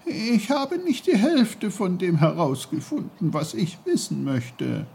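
A man voicing a curious little boy who eagerly asks questions, in a husky, slow storybook reading. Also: a little high, animated, mellow, pitched above the performer's own voice, heavily acted. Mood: wondering.

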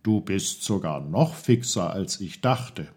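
A man's voice: deep voice, expressive, slow pace, darkish tone, husky, heavily acted. A man voicing a kindly, playful guide who patiently explains things to a boy in a storybook reading.

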